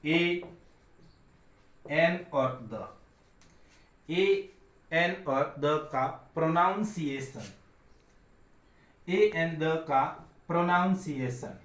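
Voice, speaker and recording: A man's voice: a little high, lively intonation, very slow, pauses often, fairly bright tone, echoey room. A man from India teaching a grammar lesson, asking his own questions and answering them.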